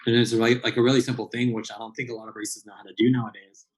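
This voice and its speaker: A man in his late thirties, a barista from Southern California, gives a rambling, casual interview packed with fillers and restarts. He talks very fast in a mid-range voice with little pitch movement, captured on a rough recording.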